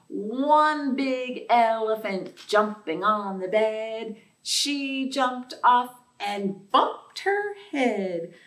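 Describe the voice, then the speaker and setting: Here the same kind of storytime host speaks in a mid-range, fairly bright voice, reading aloud to kids and quizzing them in a lilting, sing-song way. The session features counting rhymes and is captured from a distance in a reverberant indoor room.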